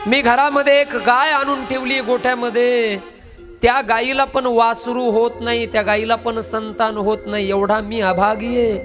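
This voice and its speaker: A man voicing a rich but sorrowful childless man who laments his misfortune slowly and pleadingly in a devotional story. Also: very high voice, level tone, over music. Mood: lamenting.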